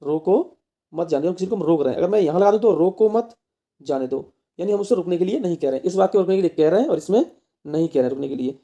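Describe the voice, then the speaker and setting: A man from India leads an exam-prep Hindi grammar lesson in a gravelly, slightly raised voice. His tone is hard and sharp rather than mellow. He keeps quizzing his students and then supplies the answer himself. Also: high-pitched, rapid-fire, dull audio. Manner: asks the class questions and answers them himself. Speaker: teacher.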